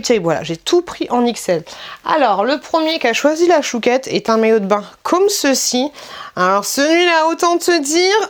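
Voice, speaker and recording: A woman hosting a casual try-on vlog, chatting in a rambling way with lots of fillers and restarts, and sometimes talking to her child off camera. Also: a little high. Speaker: vlogger showing a try-on haul.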